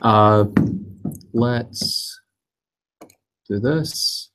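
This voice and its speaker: A Scottish man presents a technical talk at a meetup, held in a room and also streamed online. His mid-range voice is fairly bright and he draws out his words, sounding hesitant, using many fillers and some self-deprecating humor. There's slight background noise.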